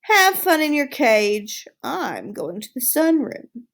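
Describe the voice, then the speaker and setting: A woman's voice: high voice, sing-song, slow pace, exaggerated voice. A woman voicing a sly, disdainful female house cat in a storybook, condescending and teasing. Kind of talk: storybook read-aloud dialogue.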